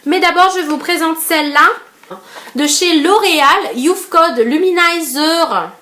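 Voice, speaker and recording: A young woman from Madagascar with a high voice chats through a casual beauty review vlog. She fills the gaps with hesitations, restarts her sentences and talks straight to her viewers as girls. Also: slow, bright, forceful tone. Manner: chatty, many fillers and restarts, addresses viewers as girls. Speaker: beauty vlogger.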